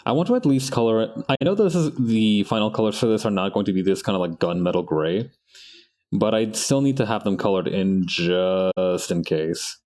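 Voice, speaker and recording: Streaming his artwork, this man rambles casually to himself, restarting sentences and correcting himself as he draws. He has a fairly low pitch, a darkish tone and an ordinary pace.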